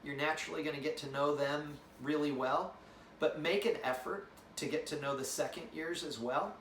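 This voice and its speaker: A man's voice: on the high side, normal speed, a little hiss or hum. Man giving a rambling address from afar. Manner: relaxed, rambling, many fillers and restarts. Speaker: fellowship leader addressing new class. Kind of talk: informal address to a group. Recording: roomy, distant mic with faint ambience.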